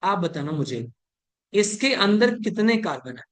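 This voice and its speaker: A male chemistry teacher lectures in a high-pitched, slightly bright voice with big pitch swings. He keeps checking for understanding, mixes English terms in, and goes slow to dictate, then faster to explain.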